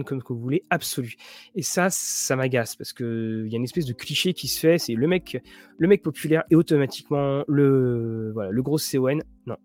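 A man's voice: medium pitch, a little mellow. A man hosting a casual show about role-playing games and series, rambling with many restarts and fillers. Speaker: tabletop RPG and series show host. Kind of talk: casual chat to viewers.

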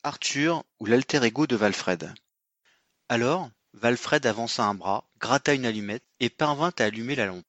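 Man, audiobook narration, measured, dull dry recording. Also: mid-range voice, lively intonation, a bit bright, no echo.

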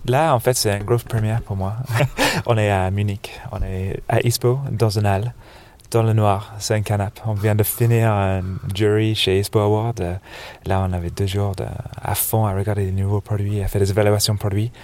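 A man from England with a clear English accent, somewhat low in pitch. He talks in a relaxed, chatty way, full of fillers and easy laughs, like a guest on a casual podcast. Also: moderate pace, hardly any pauses. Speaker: snowboard shop buyer, podcast guest. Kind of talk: casual interview chat. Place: dark corner of a trade fair hall, on a sofa.

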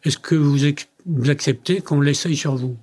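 A man's voice: fairly high pitch, normal speed, darkish tone, breathy edge. An older man, a company president interviewed as a guest, tells personal stories in conversation and acts out the dialogue he quotes.

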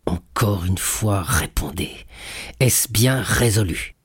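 A man reading aloud voices a jealous, brooding young man who speaks slowly and darkly in a storybook. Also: lively intonation, husky, dry recording, clean studio sound, heavily acted. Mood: somber. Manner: slow, low and somber.

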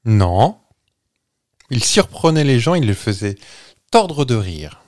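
A man's voice: mid-range voice, very animated, slow, a little mellow. Hesitant man teasing out clues. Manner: hesitant, many fillers, giving clues. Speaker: podcast co-host. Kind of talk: casual banter, quiz-style teasing.

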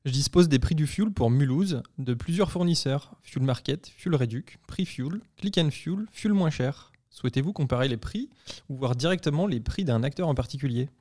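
A man playing a polite AI voice assistant, speaking in a formal, measured, half-robotic way. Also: fairly high pitch, animated, warm tone. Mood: formal helpful. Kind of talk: role-play on a podcast.

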